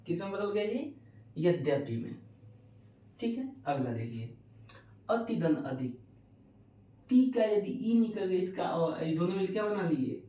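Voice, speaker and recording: A man teaches an exam-prep grammar lesson, posing a question and then answering it himself, drawing out the key words slowly. His voice is mellow and dark, heard from a distance in an echoey room. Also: high voice.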